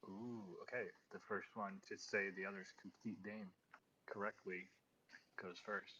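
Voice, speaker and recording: A man's voice: lowish voice, fairly even intonation, a little slow, pushed and bright. A man running a tabletop game as game master, thinking aloud hesitantly with lots of ums. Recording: dull lo-fi audio with faint noise.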